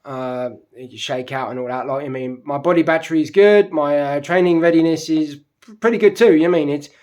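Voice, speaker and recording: A middle-aged British man talks casually to camera after a run, still a bit out of breath. His voice sits a touch high for a man and is recorded close and dry. He rambles with many fillers and restarts. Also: moderate pace, darkish tone, no echo, muffled recording. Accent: British English. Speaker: running vlogger.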